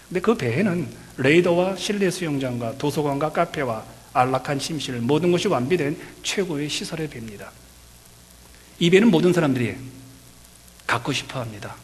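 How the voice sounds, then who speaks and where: A man's voice: medium pitch, big-room sound. A man preaching a sermon as pastor, impassioned and pleading. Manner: impassioned, building to loud pleading.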